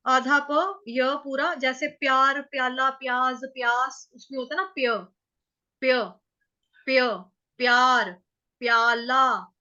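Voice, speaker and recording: A woman teaching how to chant a Sanskrit verse, breaking words into syllables, repeating them, and chanting lines slowly. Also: high-pitched, bright, forceful tone, lo-fi sound. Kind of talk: syllable-by-syllable pronunciation lesson.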